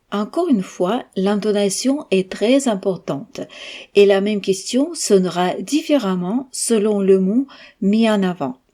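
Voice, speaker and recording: A woman teaching a language lesson, speaking deliberately and articulating example phrases carefully for listeners to repeat. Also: medium pitch, dark tone. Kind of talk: slow, clear language lesson.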